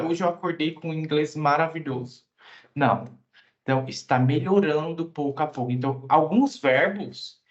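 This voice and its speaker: A man's voice: on the high side, lo-fi sound. A man teaching English in an online class, patiently explaining grammar at length and asking students questions.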